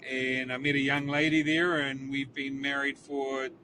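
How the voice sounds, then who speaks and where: Recorded from a distance inside a police cruiser, with vehicle noise around him, a police chief from New Zealand in his forties gives a casual but earnest interview. He has a New Zealand accent and a medium-pitched, monotone, sharp voice, speaking unhurriedly and repeating words while he thinks.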